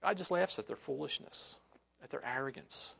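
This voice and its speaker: A male pastor with a slightly high, gravelly voice preaches verse by verse. He keeps it conversational and folksy, full of casual asides and "you know". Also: animated, normal speed, sharp tone. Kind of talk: expository sermon.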